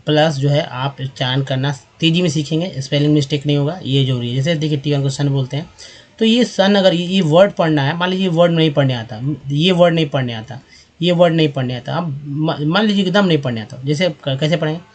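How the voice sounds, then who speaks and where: A man's voice: a little high, fairly quick. A man teaching English reading from slides, patiently repeating and drilling each sound for viewers he calls friends. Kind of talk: slide-based lesson.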